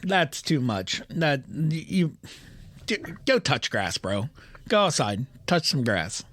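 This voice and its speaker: A man's voice: medium pitch, sing-song, takes it slowly, fairly bright tone. A man in his thirties co-hosting a casual podcast, laughing often and swearing while bantering over a ranked list. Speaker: podcast co-host. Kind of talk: casual chat.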